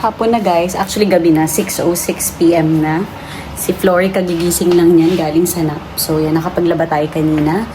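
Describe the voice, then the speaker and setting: A woman's voice: little pitch movement, moderate pace, noisy background. A woman vlogger and new mother chatting casually about her days, with many fillers and self-corrections. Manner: high, playful baby talk to her daughter. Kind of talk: casual vlog chat. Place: home in Hong Kong.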